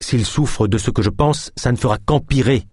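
A man's voice: mid-range voice, normal speed, a little mellow, breathy edge, no echo, clean studio sound, pitched above the performer's own voice, lightly acted. A man voicing an earnest, determined captive healer who speaks persuasively.

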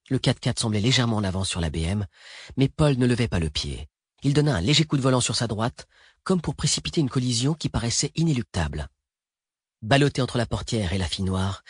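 A man narrates a thriller in a steady, even read. His voice is low and very husky. It is recorded close and dry, with no room sound. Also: no echo. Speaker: audiobook narrator.

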